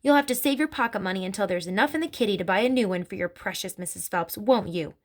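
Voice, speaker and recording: A bullying middle-aged father barks and sneers with open contempt, as a woman reading a storybook puts him on. His lines leap about in pitch. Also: animated, quick pace, natural voice. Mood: sneering. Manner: barking, contemptuous.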